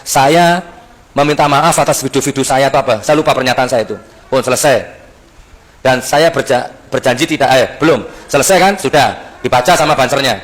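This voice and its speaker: A man's voice: medium pitch, brisk. A man telling a story in a sermon, acting out the dialogue and rising sharply when indignant. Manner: acts out dialogue in Javanese-tinged speech. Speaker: preacher.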